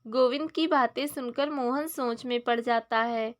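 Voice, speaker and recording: A woman with a distinctly high voice narrates a scripted children's tale with a moral, reading unhurriedly as the storyteller.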